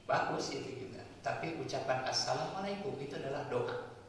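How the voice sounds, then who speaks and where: A man preaches in a mosque hall, talking his listeners through each point and answering the questions he puts to them. His voice carries a long, booming reverb and sounds set back from the microphone. A faint hum of room noise sits underneath. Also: a little fast. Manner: explanatory, asks and answers his own questions, tags lines with "ya". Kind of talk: sermon. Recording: echoey hall, voice from far off.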